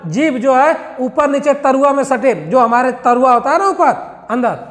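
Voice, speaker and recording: A man's voice: very high voice, lively intonation, fairly bright tone, big-room sound. A male teacher going through exam questions, sounding out letters one at a time and asking the class rhetorical questions. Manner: slow, drawn-out letter-by-letter drilling with rhetorical questions. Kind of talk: exam-prep lesson.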